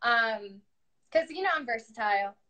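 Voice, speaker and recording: A woman's voice: a little high, animated, moderate pace, crowd noise. A young woman from New York with a New York accent, chatting candidly about her music on a livestream. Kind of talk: casual livestream chat.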